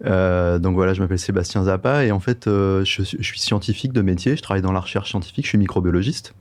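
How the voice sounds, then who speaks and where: A middle-aged man with a French accent from France, a guest talking in a halting, thoughtful way with many hesitations and restarts. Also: sits low. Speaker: guest, microbiologist and breathing-method instructor. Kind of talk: conversational interview.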